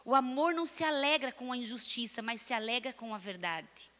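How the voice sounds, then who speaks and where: Woman pastor from Brazil, lively sermon, bright voice, higher pitch, reverberant church hall. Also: a little fast. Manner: animated, lively preaching with asides to the audience.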